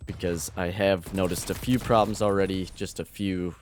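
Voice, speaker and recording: A man with a fairly low voice talks through his gameplay in a relaxed, chatty way. His voice still sounds groggy from the early morning. A faint hiss sits under the recording. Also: normal speed. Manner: easygoing, chatty. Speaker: gaming video creator. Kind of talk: gameplay commentary voice-over.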